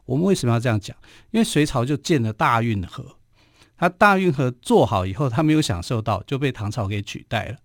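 A man's voice: medium pitch, animated, brisk, no room sound, clean studio sound. Chatty Taiwanese man telling history. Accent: Taiwanese Mandarin. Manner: chatty, frequent filler particles. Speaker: history radio host. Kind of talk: casual history storytelling. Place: radio studio.

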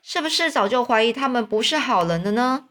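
Woman doing a kind chatty old man, bright voice, storybook. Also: a little high, animated, brisk. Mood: kindly. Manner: kindly, talkative. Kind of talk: storybook reading.

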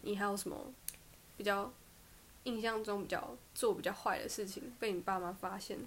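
A woman's voice: mid-range voice, fairly even intonation, moderate pace, a little hiss or hum. A young woman with a Taiwanese Mandarin accent, chatting in a joking, self-mocking way as a podcast co-host. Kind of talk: casual chat.

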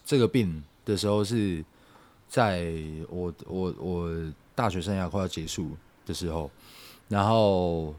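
A young man, telling a personal story on a podcast in a halting, reflective way. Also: low-pitched, a little mellow. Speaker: podcast co-host. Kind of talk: casual podcast chat.

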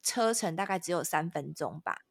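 A woman, a podcast guest telling a story in an animated, dramatic way. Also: lowish voice, normal speed, creaky, dry recording, clean studio sound. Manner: animated, dramatic retelling with laughter. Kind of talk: casual storytelling chat.

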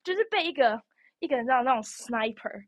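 Young woman, podcast co-host; fast, chatty, animated storyteller, dry studio sound. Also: high-pitched, dry recording. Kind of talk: casual chat.

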